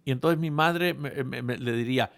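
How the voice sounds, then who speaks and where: A man preaching a sermon, telling a humorous story to his congregation in a playful, animated way with frequent restarts. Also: medium pitch, normal speed, vocal fry, clear, resonant tone.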